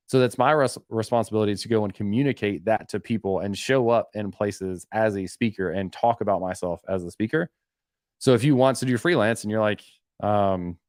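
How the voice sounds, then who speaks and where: A man with a fairly low voice hosts a live web development Q&A stream, reading questions out of the chat. His talk is loose and conversational, full of restarted sentences and fillers like "um" and "like." The recording is dry and close-miked, with no room sound.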